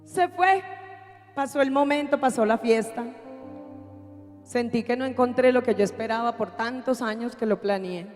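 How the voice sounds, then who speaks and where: A middle-aged woman telling her life story with lively, acted-out quotes. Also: a little high. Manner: animated storyteller, acts out quotes. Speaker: speaker giving testimony. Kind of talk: lively spoken testimony. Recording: echoey hall, faint music.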